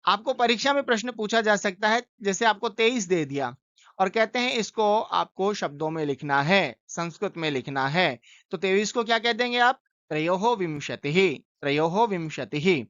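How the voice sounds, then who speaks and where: A man's voice: high voice, expressive, a bit bright, clear, resonant tone, no room sound, muffled recording. A man teaching Sanskrit numbers, asking questions and answering them himself, repeating each word for pupils to follow. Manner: slow, deliberate recitation. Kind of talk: classroom lesson, drilling numbers.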